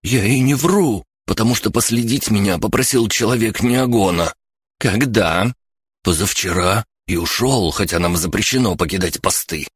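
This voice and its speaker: Dude voicing a scared whiny lookout guy, squeals and begs, husky raised voice, dry sound. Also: normal speed, no echo. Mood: panicky, pleading. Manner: panicky, pleading, shrill. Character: frightened young male lookout, whiny, squealing.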